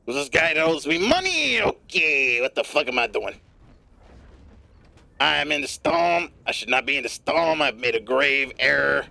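A man streaming a game live, giving profane, rambling running commentary in a put-on gravelly smoker's rasp. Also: a little high, very animated, moderate pace, pushed and bright.

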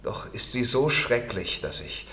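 A man's voice: medium pitch, sing-song, a little slow, pushed and bright, roomy sound, a little hiss or hum. A man doing a grave, frost-bitten red rose bush.

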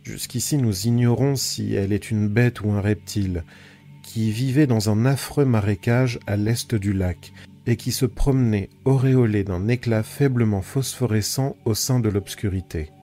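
A man reading an adventure novel aloud as an audiobook, with measured, dramatic storytelling. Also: lowish voice. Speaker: audiobook reader. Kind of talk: scripted audiobook narration. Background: soft ambient music.

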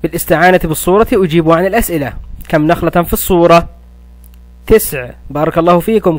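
Male primary teacher, fairly high voice, dry close recording, encouraging and patient. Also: no echo. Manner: addresses pupils as heroes, praises often, slows to spell words. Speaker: primary school Arabic teacher. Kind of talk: recorded classroom lesson.

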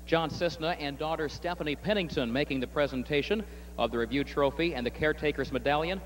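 A high-pitched man calls a harness race outdoors, rattling off horses, owners and positions in a crisp, brisk announcer's delivery. A faint hum of noise sits under the broadcast. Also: low-quality recording. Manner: rapid crisp calling, rising excitement in stretch. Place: outdoor racetrack.

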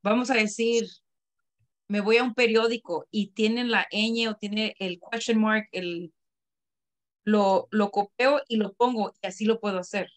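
A woman's voice: medium pitch, fairly even intonation, unhurried. A woman, a class participant, casually sharing a practical tip with the others. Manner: friendly, shares a practical tip.

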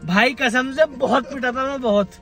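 A young man with a high voice chats like a vlogger recounting boyhood pranks, animated and quick to laugh. He keeps turning to his listeners as brothers. A soft bed of music plays behind him. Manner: lively, chatty, often laughing, calls listeners "bhai". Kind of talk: casual storytelling to viewers.

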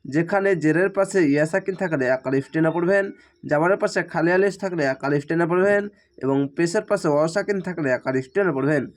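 A man teaching Quran reading, spelling each letter and vowel aloud, then chanting the whole word slowly. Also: fairly high pitch.

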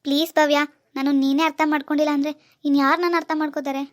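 Woman playing a heartbroken poor young village man, cartoon voice, high and monotone, hurried pleading. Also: natural voice. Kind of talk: cartoon dialogue voice acting.

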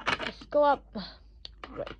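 Soft-spoken woman narrating toy play. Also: slow. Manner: chatty, excited little exclamations. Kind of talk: casual toy play commentary. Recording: dull lo-fi sound with clear background noise.

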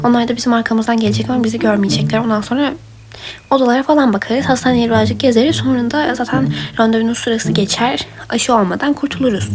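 A woman voicing characters in a doll game role-play, lively and chatty, switching between them. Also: fairly high pitch, fast. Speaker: role-play video maker. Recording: background music.

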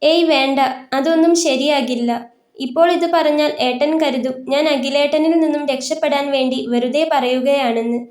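A woman's voice: sits high, steady tone, moderate pace, a little mellow, lightly acted. A woman voicing a heartbroken, lonely young woman in a tearful, pleading tone, in a roomy recording. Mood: sorrowful. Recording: roomy echo.

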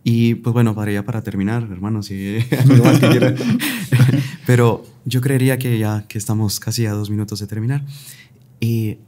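Friendly podcast host with mellow voice. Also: male voice, medium pitch, normal speed. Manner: friendly, posing questions, light laughter between phrases. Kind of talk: podcast interview.

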